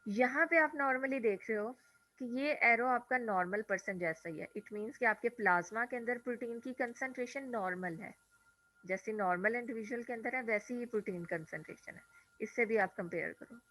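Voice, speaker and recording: A woman's voice: on the high side, normal speed, fairly bright tone, low-quality recording. A woman lecturer explaining a diagram in a classroom lecture. She asks rhetorical questions and keeps checking in with her students. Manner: mixes English terms into Hindi explanation.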